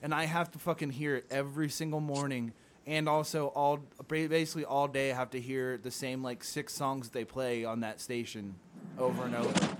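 A man's voice: medium pitch, steady tone, normal speed, a little hiss or hum. A man, co-hosting a casual podcast chat, rambling and swearing in a sardonic way. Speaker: podcast co-host.

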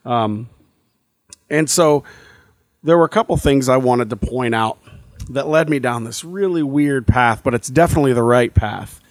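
Talking at a normal speed, this man co-hosts a podcast in casual, rambling conversation, using plenty of fillers and restarting as he thinks aloud. His pitch is ordinary, and the dry recording makes him sound close, with no sense of a room.

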